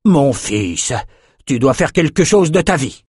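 A man doing a stern, gruff old father. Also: a little high, sing-song, measured pace, a little mellow, dry recording, studio quality, voice pushed up, full character voice. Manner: scolding, insistent. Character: gruff older male father, stern, demanding.

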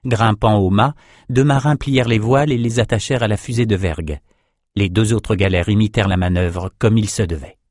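A man narrating an audiobook in a measured, steady reading style. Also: fairly low pitch, no echo, clean studio sound. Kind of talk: scripted narration.

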